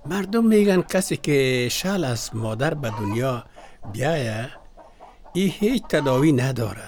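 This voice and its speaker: Brief: a patient, devout husband in a radio play, Afghan Dari accent, even mid-range voice. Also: male voice, medium pitch, a little hiss or hum. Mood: earnest. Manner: earnest, explanatory. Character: devout husband, patient, earnest explainer of faith. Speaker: husband explaining scripture. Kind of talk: radio drama acting.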